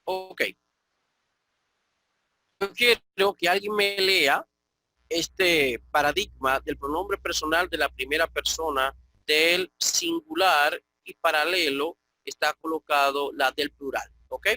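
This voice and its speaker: Male teacher from the Dominican Republic, patient explainer on an online call, crisp bright delivery, dry sound. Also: on the high side, no room sound, low-quality recording. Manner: patient, explanatory, often checks with "ok?". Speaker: Koine Greek teacher. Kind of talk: online class lecture. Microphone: computer mic on an online call.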